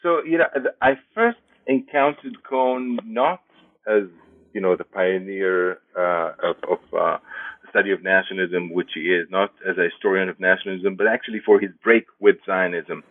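A man's voice: deep voice, moderate pace, no echo. A man from Israel, a history professor, answering thoughtfully as an interview guest with many hesitations and restarts. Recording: tinny phone-like line, dry.

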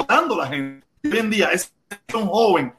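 A man's voice: sits high, very animated, moderate pace, roomy sound, over music. A Cuban man hosting a casual podcast chat, emphatic and repetitive, often talking over others. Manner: emphatic, repeats phrases, talks over others. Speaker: podcast host.

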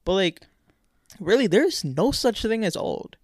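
A man's voice: high voice, sing-song, a little slow, a little mellow, dry recording, clean studio sound. A man in his twenties co-hosting a podcast, chatting casually and repeating words as he rambles. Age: 20s. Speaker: podcast co-host. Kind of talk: casual chat.

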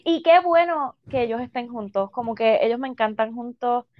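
Chatty woman, on the higher side. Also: moderate pace, no room sound, muffled recording. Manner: animated gossip, code-switching into English. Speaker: podcast co-host. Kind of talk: casual chat.

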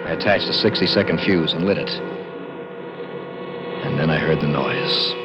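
A man's voice: a bass voice, normal speed. An actor playing an intense, plain-spoken garage mechanic in his thirties, narrating a vintage radio drama in a slangy, urgent, confiding way. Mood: awed, tense. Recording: muffled old radio recording with music.

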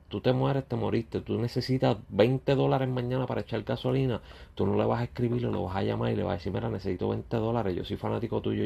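A man, a YouTuber talking bluntly and confrontationally straight at his critics in a ranting monologue, with a gravelly, husky voice. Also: mid-range voice, dark tone.

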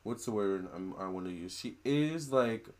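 A man with a lowish voice speaks at normal speed in a casual monologue to camera. Passing along what a spirit said, he sounds animated and chatty and gushes with exclamations.

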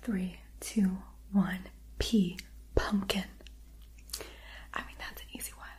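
A young woman whispering softly in an ASMR video, counting down slowly and coaxing the listener, recorded close to the microphone. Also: medium pitch, steady tone, husky. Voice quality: soft unvoiced whisper. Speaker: ASMR creator. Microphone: close mic, brushing near the ear.

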